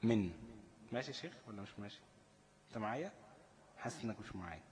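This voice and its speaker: A man's voice: on the low side, lively intonation, a little mellow, in a large hall. A man with an Egyptian accent teaching tajweed, asking his students questions and stretching out the recited examples. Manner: call-and-response questioning, drawn-out recited examples. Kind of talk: tajweed lesson.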